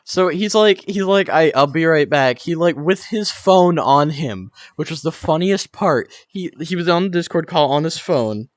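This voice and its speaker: A man's voice: a little high, expressive, a little slow, few pauses, dry recording. A young man streaming, telling a crude story to his chat with lots of laughter and swearing.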